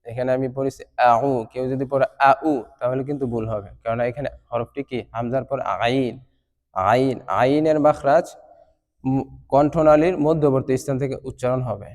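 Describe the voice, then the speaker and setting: A man with a Bengali mother tongue leads an Arabic pronunciation lesson, chanting syllable drills at a slow pace. His voice is smooth, mellow and flat in pitch. A long reverb trails after each word. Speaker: Quran recitation teacher.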